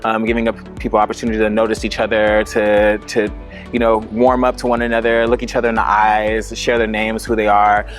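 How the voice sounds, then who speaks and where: Low, even-voiced man, relaxed. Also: fairly quick, faint music behind. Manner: relaxed, loose phrasing with fillers. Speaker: program organizer. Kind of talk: documentary interview.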